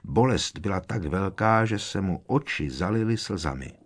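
A man narrating an audiobook with a lively, expressive reading. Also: sits low, breathy edge.

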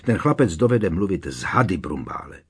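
A man's voice: sits low, very animated, slightly rough, heavily acted. A man reading an audiobook, voicing a defensive middle-aged male minister who argues in an agitated, raised voice. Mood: indignant.

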